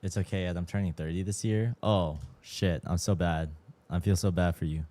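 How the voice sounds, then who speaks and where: A man's voice: sits low, steady tone, moderate pace, dark tone. A man in his mid twenties, chatting casually as a livestream host, slangy and swearing freely, sounding tired. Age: 20s. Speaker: streamer.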